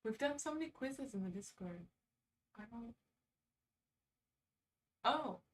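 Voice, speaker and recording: Her voice is on the high side with lively intonation, though she speaks slowly, and the recording comes from a distance. The woman is a livestream host who chats informally, reads quizzes, and reacts off the cuff with sarcastic asides.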